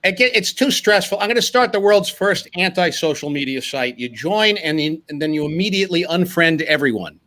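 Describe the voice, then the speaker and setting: A man's voice: on the high side, expressive, fairly quick, few pauses, fairly bright tone. A man, a comedian guest, cracking self-deprecating jokes in a casual chat.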